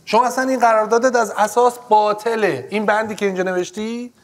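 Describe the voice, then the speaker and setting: A man's voice: sits high, fairly even intonation, natural voice. An actor playing a stern male judge in a courtroom TV drama, firm and lecturing, repeating his orders.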